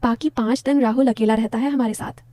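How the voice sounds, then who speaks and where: Woman telling her story real close n personal, warm voice, kinda high, dry sound. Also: steady tone, brisk, no echo. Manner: intimate, confiding, talks straight to listeners. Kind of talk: first-person story narration.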